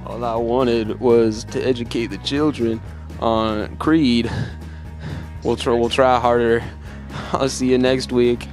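A teenage boy playing a goofy cowboy reporter in a school hallway, loud and exaggerated, talking into a handheld mic. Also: medium pitch, little pitch movement, slow, soft background music. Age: teens. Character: goofy cowboy reporter, male, teen, hunting his horse. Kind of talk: comic hallway skit.

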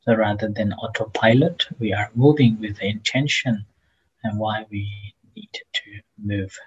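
Leading a guided meditation, this teacher talks in a husky, breathy, fairly low voice with fairly even intonation. He's gentle and halting, with long pauses between phrases, and the sound is lo-fi.

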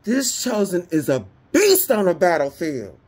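A woman's voice: fairly low pitch, sing-song, measured pace, a little mellow, husky. A woman doing a casual tarot reading, talking to her viewers in a slangy, exclamatory way. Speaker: tarot reader.

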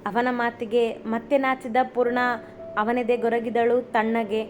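A woman's voice: on the high side, level tone, unhurried, a little hiss or hum. Woman reading a romance story aloud. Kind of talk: scripted narration. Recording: slightly dull recording, faint music.

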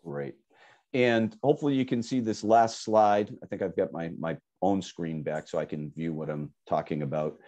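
A man's voice: sits low, moderate pace, dark tone, lo-fi sound. A man presenting products in a webinar, explaining conversationally with fillers over a video call.

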